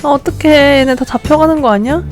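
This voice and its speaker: A woman with a fairly high voice talks through her game in casual commentary. She fusses, exclaims and coaxes as she plays, and faint game music sits under her voice. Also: a little fast. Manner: fussing, exclaiming, coaxing sleepy babies. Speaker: gameplay streamer.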